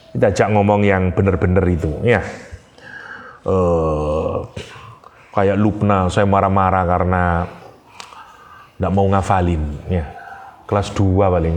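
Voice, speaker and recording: A middle-aged man with an East Javanese accent, giving a conversational Quran commentary lecture and acting out the dialogues he tells. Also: lowish voice. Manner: conversational, acts out dialogues with lively voices. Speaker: Islamic preacher and lecturer.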